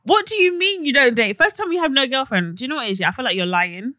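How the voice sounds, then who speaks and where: A woman's voice: high voice, lively intonation, fast, pushed and bright, no echo, studio quality. A woman with a London accent co-hosting a podcast in casual banter, teasing, blunt and challenging. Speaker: podcast co-host.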